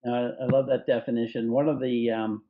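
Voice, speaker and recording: A male host with a mid-range voice in a relaxed discussion. He affirms his guest with enthusiasm before sharing his own view. The sound is slightly dull and lo-fi. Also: mid-range voice, brisk, a little hiss or hum. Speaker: company CEO and host. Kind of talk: conversational discussion.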